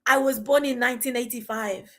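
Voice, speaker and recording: Woman, 40s, high voice, podcast guest on an impassioned, indignant rant. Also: fairly even intonation, fairly quick, a bit bright. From Uganda. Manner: passionate, indignant, emphatic.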